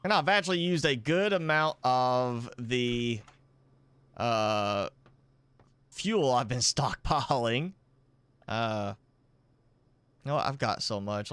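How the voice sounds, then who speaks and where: A gaming channel host with a medium-pitched, fairly bright voice streams casual live gameplay, thinking aloud as he builds, rambling and chuckling now and then. He's indoors at home with a pet dog, with slight background noise.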